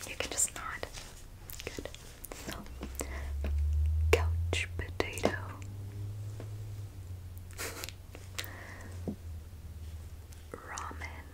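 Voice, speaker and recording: Woman as a gentle alien scientist, whispered role-play. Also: high-pitched, low-quality recording. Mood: hushed, intimate. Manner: whispering close into the listener's ear; gentle, reassuring, slow and soft-spoken. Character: gentle, curious female alien scientist examining a specimen.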